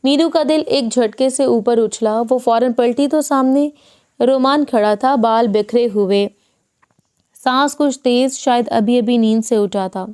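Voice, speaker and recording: A woman narrating a romance audiobook in a calm, measured storytelling manner. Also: a little high, clear, resonant tone.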